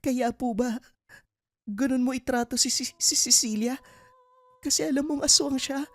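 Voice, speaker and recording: A woman's voice: high-pitched, moderate pace, dry recording. A woman voicing a young woman who pleads and questions urgently in a dramatized horror story. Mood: pleading, distressed. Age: young adult.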